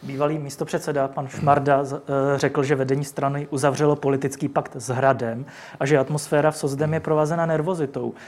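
An interviewer asking measured, probing questions. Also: mid-range voice, level tone, a little mellow.

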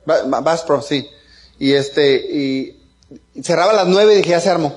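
This is a middle-aged man, speaking a touch higher than most men. He tells personal stories to a seminar crowd in a casual, colloquial way. He jokes as he goes and keeps checking in with his listeners. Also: measured pace. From Mexico. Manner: joking, colloquial, tags lines with "¿no?" and "¿ah?". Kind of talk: seminar storytelling talk.

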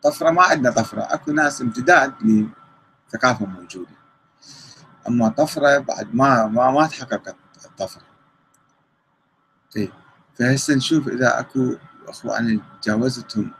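A man's voice: mid-range voice, fast talker, long pauses, a bit bright, slight background noise, poor audio. A man with an Iraqi Arabic accent answering viewer questions in a live talk, reading them out and rebutting them conversationally.

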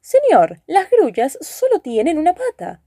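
A man's voice: extremely high pitch, huge pitch swings, mellow, no echo, clean studio sound, pitched above the performer's own voice, heavily acted. A woman playing Chichibío, a crafty scared cook. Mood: insistent. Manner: pleading, quick excuses. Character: frightened, crafty young male cook.

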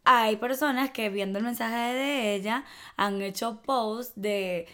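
A woman, co-hosting a podcast in casual chat, lively and acting out the voices she quotes. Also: a little high, slow pace. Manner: animated, acts out quoted voices. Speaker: podcast co-host.

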